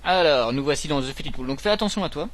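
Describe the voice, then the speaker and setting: A man's voice: fairly high pitch, expressive, quick pace, a little hiss or hum. A man co-hosting a gaming video, casually explaining game mechanics between jokes and banter. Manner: explains game mechanics while joking around. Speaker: gaming channel co-host. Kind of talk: casual let's-play commentary.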